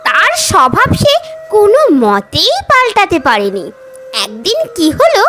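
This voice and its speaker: A woman narrating a cartoon folk tale in a slow, sing-song storybook manner. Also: very high voice, huge pitch swings, bright, forceful tone, soft background music.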